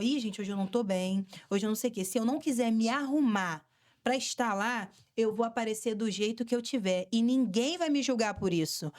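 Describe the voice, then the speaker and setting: A young woman from Brazil talks openly as a podcast guest, her voice sitting a little high for a woman. She tells her stories with animation, slipping into the voices of people she quotes along the way. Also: darkish tone. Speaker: podcast guest, samba dancer and influencer. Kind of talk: candid interview talk.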